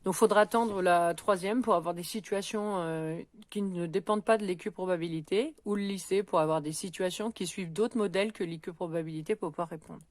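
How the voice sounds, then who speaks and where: A woman teaching a middle school math lesson, working through probability exercises out loud in a patient, step-by-step way with many small hesitations. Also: fairly low pitch, a little fast, hardly any pauses, no room sound. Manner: patient, talks while counting and pointing things out, frequent "euh" and "donc". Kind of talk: recorded lesson, correcting exercises aloud.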